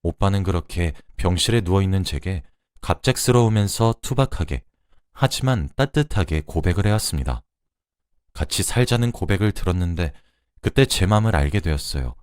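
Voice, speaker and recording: A man reads a first-person life story in an earnest, confiding manner. His voice is very low yet moves with a lively, expressive melody. The recording is close and dry. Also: moderate pace, smooth, no room sound. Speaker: narrator.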